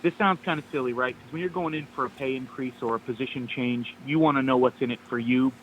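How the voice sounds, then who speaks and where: A man calls in by phone and is heard on speaker, with slight background noise. His medium-pitched voice stays fairly even and moves fast as he offers upbeat, step-by-step advice in a casual chat.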